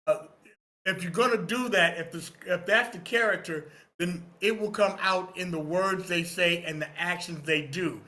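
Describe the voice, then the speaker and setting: Taking part in a screenwriting critique, a man whose voice sits high and has a sharp tone speaks at a moderate pace. He is emphatic and instructive, giving opinionated workshop feedback and repeating points so they stick.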